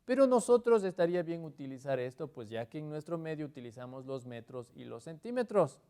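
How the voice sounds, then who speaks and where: Cheerful male English teacher, slightly high. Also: very animated, mellow, smooth. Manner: slow, drawn-out model phrases in English. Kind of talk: TV English lesson. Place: TV studio.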